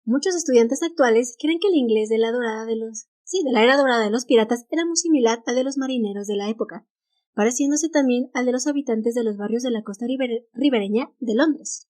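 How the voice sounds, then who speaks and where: Fairly high-pitched with a darkish tone, this podcast co-host speaks fairly quickly in a Mexican Spanish accent. On a casual history show, she reads notes aloud, trips over English titles, and laughs readily.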